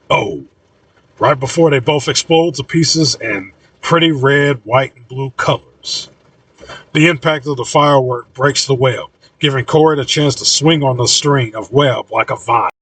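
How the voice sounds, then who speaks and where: Husky man reading an audiobook. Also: medium pitch, fairly bright tone, no room sound. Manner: casual, slightly stumbling reading. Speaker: audiobook narrator, author. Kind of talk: audiobook narration. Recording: voice a bit far from mic.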